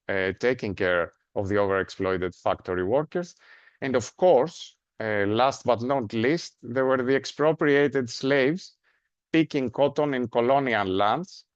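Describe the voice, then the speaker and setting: A man with a Greek accent delivers an academic seminar lecture at a measured pace, often saying "uh" and ending points with a rhetorical "no?". His voice is medium in pitch, with no echo, and the recording sounds dry, dull and lo-fi.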